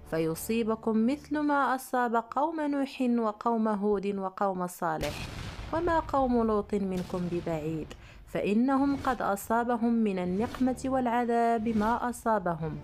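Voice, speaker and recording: A woman voicing a calm, wise elderly male prophet in a retold religious story, speaking in a measured, pleading way. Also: fairly high pitch, lightly acted.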